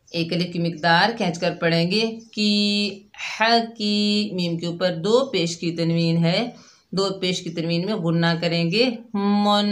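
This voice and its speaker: A woman teaching Quran recitation rules step by step, explaining each letter and then sounding out the syllables slowly. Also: lowish voice. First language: Urdu. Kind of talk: slow step-by-step tajweed lesson.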